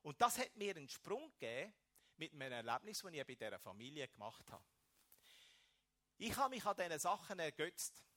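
A man's voice: fairly high pitch, sing-song, moderate pace, sharp tone. A man with a Swiss German accent telling his personal faith testimony to an audience, emotional and with emphatic bursts. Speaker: speaker giving a personal testimony.

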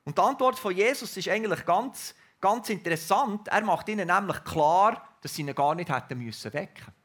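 High-voiced preacher, earnest. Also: male voice, lively intonation, moderate pace, a bit bright. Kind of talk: sermon.

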